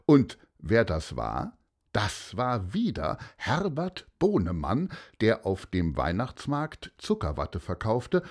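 A man reading a children's story aloud in an expressive, unhurried way. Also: fairly low pitch. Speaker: narrator.

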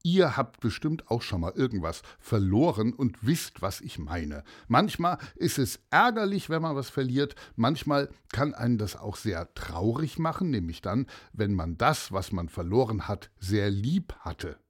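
Man reading a bedtime-style story to kids, slow and lively, lots of pitch swing. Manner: warm, expressive, addressing children. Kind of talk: children's story narration.

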